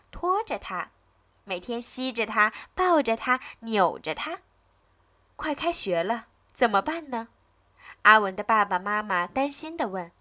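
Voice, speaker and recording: A woman storyteller reading a bedtime tale to children, her voice bright and fairly high. She speaks gently in a sing-song way, with lively rises and falls.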